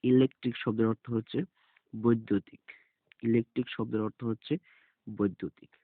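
A man teaching English reading in a slow, deliberate way, spelling out words letter by letter and repeating each word and its meaning. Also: fairly low pitch, fairly even intonation, slightly rough, no room sound. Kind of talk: spelling-out lesson. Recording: dry, phone-like lo-fi sound.

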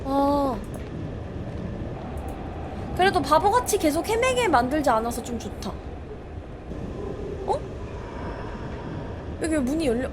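High-voiced excitable woman streamer. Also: slow, long pauses, noisy background. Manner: jumpy, shrieks and exclaims when startled. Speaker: game streamer. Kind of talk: live gameplay commentary.

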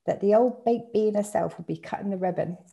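A woman's voice: medium pitch, creaky, warm tone, dull audio, voice pushed up, natural voice. A woman reading aloud voices a jovial, chatty male London cabbie with a Cockney accent and rhyming slang. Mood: chummy. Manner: chummy, slow, rhyming slang.

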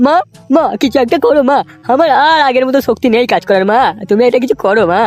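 A woman's voice: sits high, expressive, fast, a little mellow, faint music behind. Cranky old cartoon grandfather. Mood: pleading. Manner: pleading, then snapping with coarse insults. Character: cranky old grandfather, grumbling and foul-mouthed. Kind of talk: cartoon voice acting.

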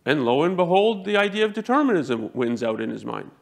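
A man lecturing to an audience in a slightly high, gravelly voice. He leans hard on key words, his pitch leaping up to stress each point. He often breaks off and restarts his sentences as he reasons aloud. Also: sing-song, fairly quick. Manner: self-correcting, frequent restarts.

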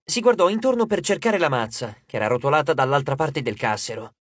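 A man narrating an audiobook in a lively, dramatic storytelling manner on a studio microphone. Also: medium pitch, brisk, no echo.

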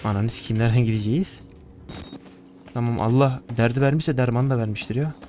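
A man's voice: mid-range voice, fairly quick, mellow, slight background noise. A young man giving casual horror gameplay commentary, nervous and joking, swearing often as he plays. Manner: jittery, profane, joking to himself. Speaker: gaming streamer.

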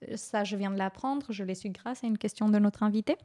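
A woman hosting a radio show, chatting and then reading a children's tale aloud in a gentle, soft-spoken way with small hesitations. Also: medium pitch, a little fast. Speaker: radio host. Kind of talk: reading a children's story on air. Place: radio studio.

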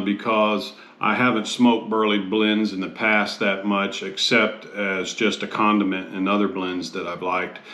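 An American man in his fifties giving a casual review to camera in a measured, halting way, often pausing mid-phrase. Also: on the low side, fairly bright tone. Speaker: host of a pipe tobacco review show. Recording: roomy, echoey sound.

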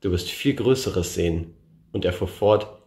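A man reading a Bible passage aloud in a measured way, lifting his voice for the quoted speakers. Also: deep voice, darkish tone, reverberant. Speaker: scripture reader.

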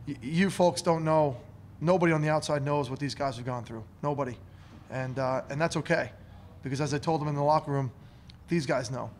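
With a slightly high voice and a brisk delivery, a head coach in his thirties faces reporters after the game. He sounds sincere and emotional and keeps repeating words, speaking into a stand-mounted table mic in a press room with a curtain behind him. Slight background noise is present.

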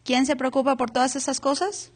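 A woman's voice: high voice, fairly even intonation, a little fast. A woman pastor preaching a live church sermon, asking the congregation to read along and repeat words aloud. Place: church hall, captured live.

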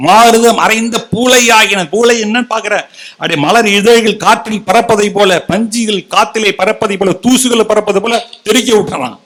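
A man giving a literary oration in Tamil, chanting verse lines slowly and then explaining them in quick colloquial asides. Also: high voice, fairly bright tone. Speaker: orator.

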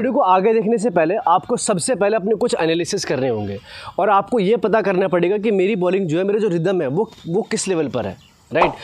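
A man in his 20s, a fast-bowling coach and presenter, explains cricket technique to camera like a coach, frequently checking in with short tag questions. His voice is high-pitched and a little mellow, picked up by a lapel mic outdoors on an open grassy cricket ground, with slight background noise.

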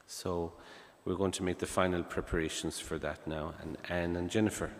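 Man, priest, very deep voice, measured delivery, long church reverb. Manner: calm, measured, conversational asides. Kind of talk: leading funeral Mass prayers. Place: large church, at the altar. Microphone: far camera, church PA.

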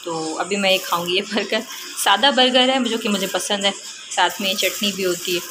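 A woman's voice: medium pitch, moderate pace, background noise. A young woman in a casual home vlog, chatting about her chores and talking with her husband. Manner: coaxing, scolding tone with children. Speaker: vlogger and mother.

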